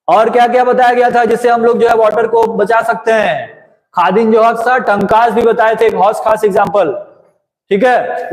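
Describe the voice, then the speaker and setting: A male teacher with a high voice works through exam questions, posing each question and answering it himself. He keeps urging viewers to post their answers. The room is echoey with a long reverb tail. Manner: asks and answers his own questions; urges viewers to comment.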